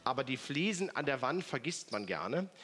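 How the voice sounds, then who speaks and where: A man's voice: mid-range voice, big pitch swings, normal speed, over music. A man presenting an infomercial product demonstration in a chatty, persuasive way, putting questions to the viewers.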